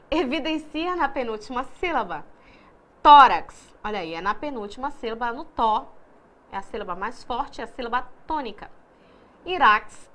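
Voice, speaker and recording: A woman with a Brazilian Portuguese accent, a teacher giving a recorded lesson, speaking slowly and clearly and stressing syllables as she explains. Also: high voice, fairly bright tone.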